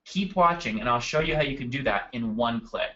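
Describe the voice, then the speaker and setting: Hosting a live marketing webinar from an indoor desk, a man speaks briskly in a mid-range voice with lively intonation, pushed and bright. He's upbeat and chatty, calling attendees by name, though the audio is dull.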